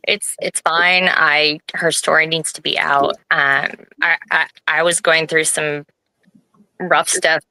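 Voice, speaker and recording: Nervous, gravelly-voiced young woman. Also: low voice, fairly even intonation, pushed and bright, rough recording. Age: 20s. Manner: hesitant, halting, with many restarts. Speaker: interview guest. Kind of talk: personal interview.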